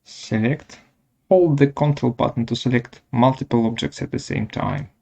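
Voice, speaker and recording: The recording cuts off the highs as a man presents a software tutorial one step at a time. He speaks in brief, halting instructional phrases with a gravelly voice at medium pitch.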